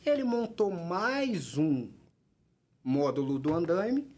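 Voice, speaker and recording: A man's voice: high voice, big pitch swings, slow, darkish tone. A man in his forties with a Brazilian Portuguese accent, a safety technician and podcast guest telling work stories with animation and acting out the dialogue. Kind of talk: anecdotal storytelling in a podcast interview.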